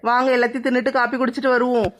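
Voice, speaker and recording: A woman's voice: on the high side, flat delivery, racing, voice pushed down, close to an everyday voice. A woman voicing a cheery neighbor who talks eagerly about snacks and coffee. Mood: breezy.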